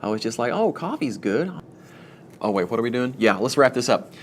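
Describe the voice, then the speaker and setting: A man's voice: mid-range voice, fairly even intonation, fast talker, a little hiss or hum. Chatty, rambling man talking to camera. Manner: rambling, chatty, self-mocking asides. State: jittery from too much coffee. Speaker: homestead channel host. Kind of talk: casual talk to camera.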